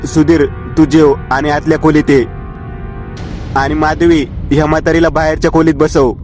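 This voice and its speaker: A man's voice: a little high, level tone, moderate pace, darkish tone, faint music behind, natural voice. A man doing a snappish young villager. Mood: irritated. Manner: snappish, exasperated.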